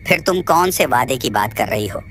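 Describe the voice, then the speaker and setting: A man's voice: medium pitch, expressive, normal speed, a bit bright, faint music behind, natural voice. A man voicing a frightened young man. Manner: frightened, pleading. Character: frightened young man visiting a haunted ruin. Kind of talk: storybook narration.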